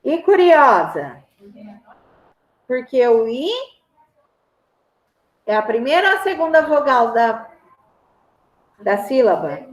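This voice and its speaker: High-voiced Brazilian teacher, slow and patient. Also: female voice, very animated. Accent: Brazilian Portuguese. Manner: patient, repeats and checks understanding. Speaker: schoolteacher. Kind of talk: grammar lesson to a class. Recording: roomy echo.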